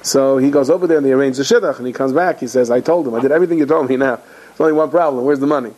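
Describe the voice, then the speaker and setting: A middle-aged man, a rabbi, giving an animated storytelling sermon with many Hebrew and Yiddish terms, acting out the people in his stories. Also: medium pitch, racing, low-quality recording.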